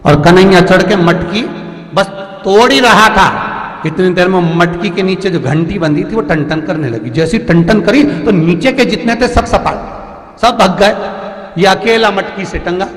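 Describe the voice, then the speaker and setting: A man, a preacher telling a devotional story in a lively, folksy and dramatic way, in a large hall. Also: high voice, unhurried. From central India. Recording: echoey hall with faint music.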